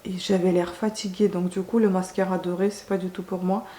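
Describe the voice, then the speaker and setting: Doing her makeup on camera, a beauty vlogger talks in a brisk, warm, lowish voice with little pitch movement. She often pauses and corrects herself, and the room adds echo along with faint background noise.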